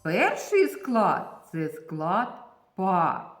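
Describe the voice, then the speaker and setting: A woman teacher giving a slow, deliberate lesson to young children, stressing each syllable. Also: mid-range voice, very animated, a bit bright, soft background music.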